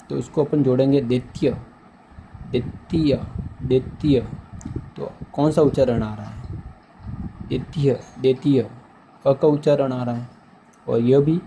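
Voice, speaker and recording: Slow, dark-voiced man teaching. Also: medium pitch, slight background noise, low-quality recording. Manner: slow, repeats words and asks the class questions. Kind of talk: slow, repetitive grammar lesson.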